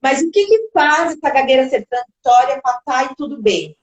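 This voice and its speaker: A woman's voice: sits high, animated, normal speed, roomy sound, low-quality recording. A woman speech therapist giving explanatory answers in a live video-call interview, now and then acting out parents and children.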